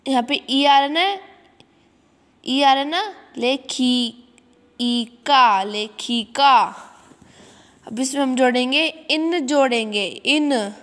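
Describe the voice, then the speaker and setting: A woman's voice: high-pitched, a bit bright, long reverb tail. A woman teacher giving a grammar lesson, explaining step by step, repeating words and checking in often.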